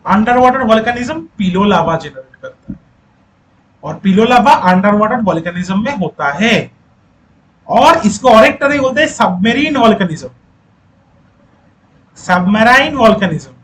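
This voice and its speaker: A man's voice: high-pitched, expressive, measured pace, pauses often, a bit bright, slight background noise, rough recording. A male teacher giving a lecture who repeats key points, quizzes the class and coaxes students to speak up.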